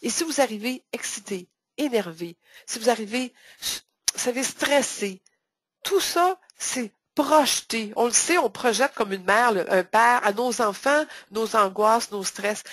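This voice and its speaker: A woman with a Québécois accent leads a webinar for salespeople, leaning hard on key words and repeating them for emphasis. Her voice sits fairly high and has a breathy, husky edge. The sound is close and dry. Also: no echo. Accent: Québécois French. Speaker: sales trainer hosting a webinar. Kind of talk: webinar presentation.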